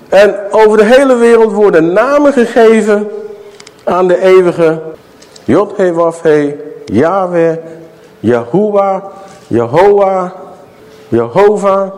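A middle-aged man preaching a sermon in a church hall, asking his listeners questions and stressing words slowly. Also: high voice, a little mellow. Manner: questions the audience, dramatic slow emphasis.

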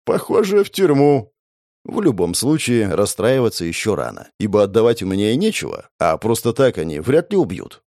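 A man narrating a comic fantasy novel in the first person, with an ironic, lively storytelling manner. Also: on the low side, fairly quick, hardly any pauses, no room sound, clean studio sound. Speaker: audiobook narrator.

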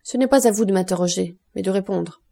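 Cold stern magistrate, read by a woman, dark mellow tone, cutting and contemptuous, audiobook. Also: mid-range voice, fairly quick, vocal fry. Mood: cold, accusing. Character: cold stern male magistrate, icy and accusing.

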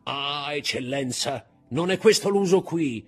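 A man voicing a sly brigand jailer who is mock-deferential and calmly serious, with a husky voice. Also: a little high, measured pace, soft background music, pitched above the performer's own voice. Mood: mock-polite.

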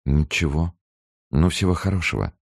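A man's voice: extremely low pitch, moderate pace, creaky, dry recording, clean studio sound, pitched above the performer's own voice, full character voice. A man reading an audiobook and voicing a young woman student who answers in brief, subdued replies. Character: young woman student, quiet, wounded, dignified.

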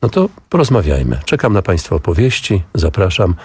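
A man's voice: deep voice, sing-song, a little fast, a little mellow, breathy edge, no echo. A man hosting a radio talk show, musing and improvising with frequent restarts. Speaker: radio host. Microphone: studio microphone.

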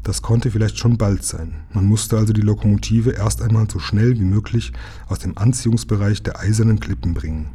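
A man reading a children's book aloud, telling it calmly and evenly. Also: fairly low pitch, brisk, slightly rough. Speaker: narrator.

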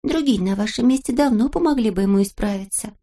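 A woman's voice: a little high, quick pace, warm tone, pitched above the performer's own voice, natural voice. A woman voicing a sensible little girl who argues firmly and reasonably. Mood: reasoning. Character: sensible little girl taking a friend's side.

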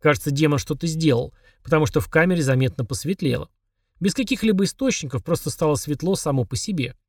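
A man narrating an audiobook in an even storytelling manner. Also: on the high side, fast, dry recording, clean studio sound, far from the mic. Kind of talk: scripted narration.

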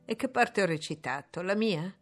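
A woman voicing a brooding, troubled middle-aged gentleman in an audiobook, speaking low and grave. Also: animated, moderate pace, natural voice. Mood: teasing. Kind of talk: audiobook reading.

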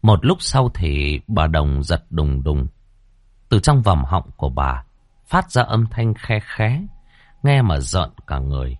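A man narrating a ghost story in a dramatic, expressive, deliberate way. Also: very deep voice, no room sound, clean studio sound.

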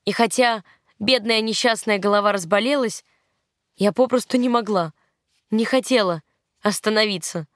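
A woman narrating a first-person novel in a calm, wry manner. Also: mid-range voice, moderate pace, no echo, studio quality. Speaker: audiobook narrator.

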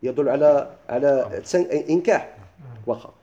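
A middle-aged man with a Moroccan accent, teaching a classroom lesson. He keeps asking his listeners quick questions and then answers them himself. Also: medium pitch, mellow, echoey room, highs cut off. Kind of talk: classroom lesson explaining legal theory.

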